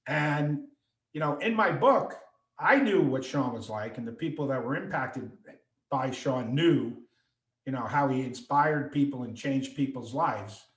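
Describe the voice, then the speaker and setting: A middle-aged man, an author and speaker, tells a story over a video call in an unhurried mid-range voice. He's an animated storyteller who acts out the voices of the people in it, and his room sounds echoey.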